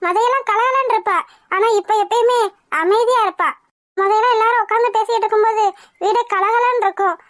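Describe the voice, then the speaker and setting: A woman's voice: very high-pitched, fairly bright tone, no echo, clean studio sound. A woman voicing a fussy, teasing middle-aged mother in a cartoon, chatty and fretful. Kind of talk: cartoon voice acting.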